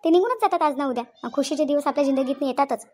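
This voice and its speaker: A woman's voice: high voice, racing, a little mellow, close to an everyday voice. A woman voicing a comforting adult female friend in a cartoon, soothing and reassuring, often checking with a short "hm?". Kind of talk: Marathi cartoon voice acting.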